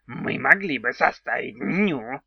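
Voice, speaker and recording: A man voicing a gleefully perverse male house spirit in an audiobook, speaking slowly and strangely about himself in the third person. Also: mid-range voice, animated, creaky, slightly rough, no echo, exaggerated voice. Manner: slow, odd, talks of himself in third person. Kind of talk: audiobook character voice. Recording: dull lo-fi sound.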